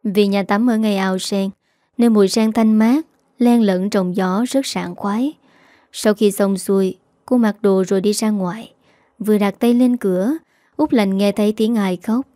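Woman reading a story aloud, calm and steady, mellow voice, dry close sound. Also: mid-range voice, unhurried, dry recording. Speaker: story reader. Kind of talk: scripted narration of a romance story.

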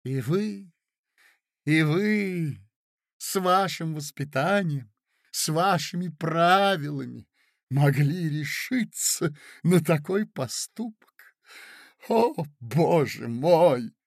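A scheming middle-aged lady, read by a man speaks in a soft, honeyed, coaxing voice. She draws her words out gently. This is a close, dry audiobook reading with a fairly high male voice. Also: sing-song, unhurried, dry recording. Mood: reproachful. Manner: soft, sweet, coaxing, reproachful.

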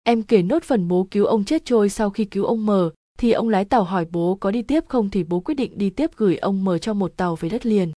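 A woman narrating a story in a steady storytelling manner. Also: medium pitch, brisk, few pauses, dry recording, clean studio sound.

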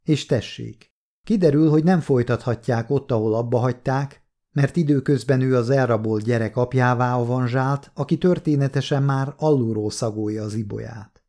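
A man narrating a novel as an audiobook, reading in a calm, measured way. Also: mid-range voice. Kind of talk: scripted narration.

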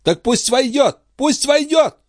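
A man voicing an anguished, jealous, imperious queen in an audiobook, crying out in a shrill falsetto. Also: expressive, a little slow, darkish tone, dry recording, studio quality. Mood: impatient. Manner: shrill, cries out in high falsetto.

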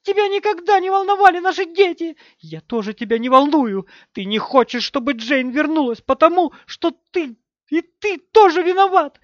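A man's voice: extremely high pitch, animated, normal speed, no room sound, lo-fi sound, pitched above the performer's own voice. A man voicing a desperate grieving mother who shrieks and begs in an audiobook. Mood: hysterical. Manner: shrieking, begging. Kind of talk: audiobook character voice.

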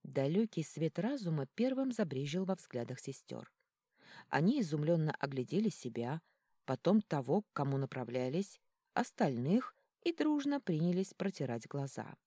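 A woman narrating an audiobook in a lively storytelling manner, acting out the characters' lines. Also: low voice, normal speed, slightly rough, dry recording, studio quality.

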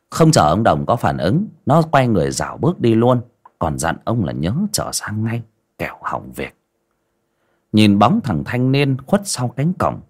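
A male storyteller tells a folksy tale. His voice is fairly low but rises and falls expressively. He gives every scene vivid colour.

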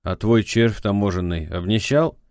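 A man's voice: on the low side, moderate pace, a little mellow, clear, resonant tone, dry recording, clean studio sound, lightly acted. A man voicing a weary, anxious middle-aged man who answers in short, tired phrases.

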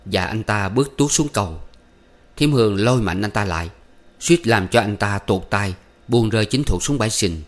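A man narrating a story in a steady, even way. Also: lowish voice, normal speed. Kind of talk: audiobook narration.

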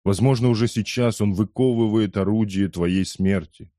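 A man voicing a persuasive conspirator in an audiobook, steady and insistent as he urges. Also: lowish voice, normal speed, no room sound, clean studio sound, natural voice. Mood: urging. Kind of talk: audiobook character voice.

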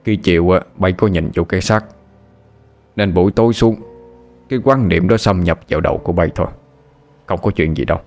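A man voicing a calm, wise old grandfather who draws protective charms. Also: low-pitched, brisk, long pauses, soft background music. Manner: calm, reassuring.

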